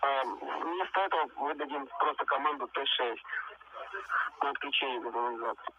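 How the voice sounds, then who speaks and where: A man's voice: medium pitch, steady tone, noisy background. Man over a muffled radio link. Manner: measured, checklist-reading, with hesitations. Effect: radio transmission. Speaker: ground flight controller. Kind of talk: procedural radio instructions.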